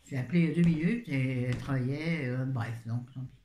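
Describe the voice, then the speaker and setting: A woman's voice: extremely low pitch, a little fast, dark tone. Chatty rambling older woman, echoey room. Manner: chatty, rambling, easily sidetracked. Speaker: book reviewer. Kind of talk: casual live video chat. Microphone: phone.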